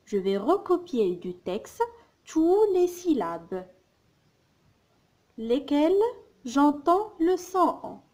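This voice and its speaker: Woman teacher, fairly high voice, drawn-out phonics drill, very slow. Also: sing-song, darkish tone. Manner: sounds out words slowly, repeating syllables. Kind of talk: slow, careful phonics lesson.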